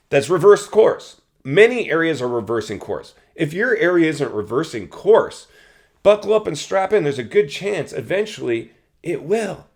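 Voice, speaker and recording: A middle-aged American man giving dramatic market commentary as a host, emphatic and fond of repeating phrases for effect, addressing viewers directly. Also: medium pitch. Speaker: real estate YouTuber and host.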